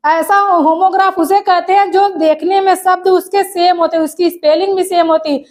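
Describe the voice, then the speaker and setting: A woman teacher explaining an exam-prep lesson step by step, repeating key terms and asking rhetorical questions, and reading definitions aloud slowly. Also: very high voice.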